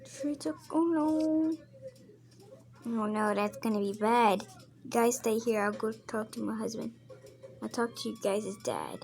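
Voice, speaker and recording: A woman with a high voice plays through a casual game role-play as a mother. She talks slowly and chats along, stopping now and then to narrate what her character does, with a faint hiss of background noise. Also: gravelly, darkish tone.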